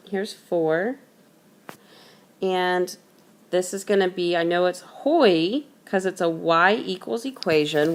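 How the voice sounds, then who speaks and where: A woman math tutor talking through a recorded lesson, patient and methodical, repeating the key points slowly so they can be written down. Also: fairly low pitch.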